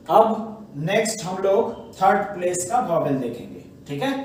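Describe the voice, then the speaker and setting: A man's voice: high voice, a little mellow, slight background noise. A man teaching shorthand, explaining step by step in a patient classroom manner and answering his own questions. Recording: echoey room, voice from a distance.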